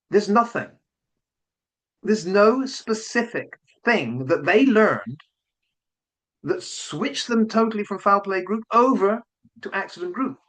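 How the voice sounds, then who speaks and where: A man giving a combative, sarcastic opinion commentary as the host of his channel. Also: high voice. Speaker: online commentator.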